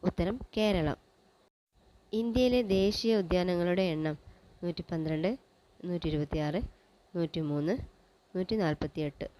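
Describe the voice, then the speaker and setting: A woman presenting a general-knowledge quiz, reading each question and its options in a measured, list-like way. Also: on the low side, mellow, rough recording.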